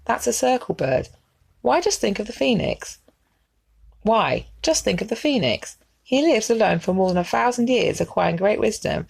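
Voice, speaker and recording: Woman playing a wise, creaky-voiced storybook bird leader. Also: mid-range voice, very animated, normal speed, darkish tone, exaggerated voice. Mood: urging. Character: hoopoe bird leader, wise, urging, reassuring.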